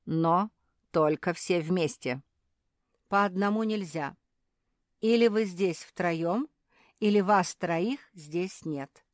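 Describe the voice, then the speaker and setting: A woman's voice: lowish voice, takes it slowly, long pauses, no echo, clean studio sound. A woman voicing a sly old male shopkeeper with ingratiating, sing-song sales patter, in an audiobook. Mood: cool. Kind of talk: audiobook character voice.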